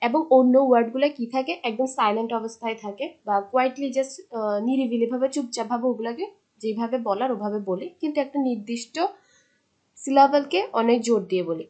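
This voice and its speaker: A woman with a Bangladeshi accent giving an online linguistics lesson, moving between English and Bengali and explaining slowly with lots of repetition. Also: fairly high pitch, a little mellow. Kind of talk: online lecture.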